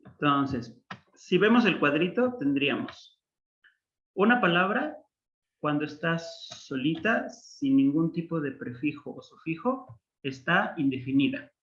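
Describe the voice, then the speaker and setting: A man with a fairly high voice gives a Hebrew lesson and explains each grammar point slowly and patiently. He goes through one example after another. The recording is dull and lo-fi. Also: animated, a bit bright. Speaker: Hebrew teacher. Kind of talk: online language class.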